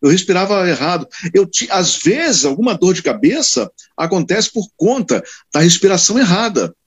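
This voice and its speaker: This man, a Rio de Janeiro radio announcer, tells animated, emphatic stories in a casual chat with colleagues, leaning on tag questions to stress his points. He has a high, husky voice at normal speed.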